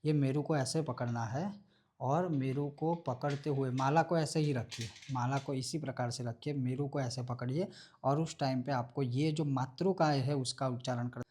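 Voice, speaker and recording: A man explaining a prayer-bead ritual step by step, in a measured way that repeats phrases, chanting syllables and mantras slowly. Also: medium pitch, steady tone, darkish tone, breathy edge. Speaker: ritual teacher.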